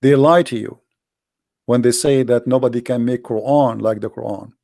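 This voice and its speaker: A male daily broadcast host preaches bluntly and emphatically to his viewers in a livestream monologue, his mid-range voice gravelly, mellow, and steady at a moderate pace. Arabic is his first language. The recording is dry and close, with no room echo.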